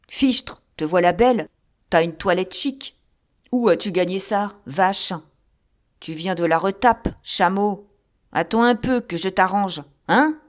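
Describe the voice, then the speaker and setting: A woman yelling as a raving drunk man. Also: mid-range voice, close to an everyday voice. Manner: yelling, frantic, rough slang.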